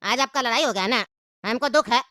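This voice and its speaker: A woman's voice: a little high, brisk, bright, forceful tone, slight background noise. A woman voicing a smug, scheming male hotel owner who fawns over customers. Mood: sly. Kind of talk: cartoon voice acting.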